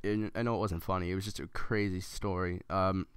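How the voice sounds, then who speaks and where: A man's voice: deep voice, flat delivery, brisk, smooth. A man rambling through a story as casual gameplay commentary, with many ums and restarts.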